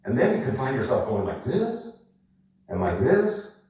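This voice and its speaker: Lively man coaching exercises in an echoey room. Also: medium pitch, unhurried, far from the mic. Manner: lively, coaxing, rhetorical questions. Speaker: energy exercise instructor. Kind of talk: demonstrating physical exercises to camera.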